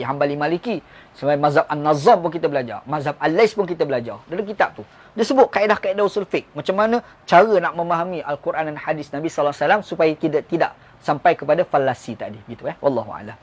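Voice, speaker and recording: A man's voice: a little high, quick pace. A man with a Malaysian Malay accent giving a religious lecture, explaining with stories and rhetorical questions. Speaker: religious teacher.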